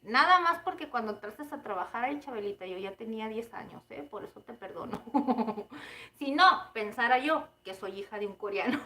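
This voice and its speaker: Mexican lady in her 30s chatting on a cooking live, giggly, voice a bit high. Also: lively intonation, brisk, bright, forceful tone, a little hiss or hum. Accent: Mexican Spanish. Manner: chatty and giggly, often calling viewers "chicos". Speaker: cooking livestream host. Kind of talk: casual live chat with viewers.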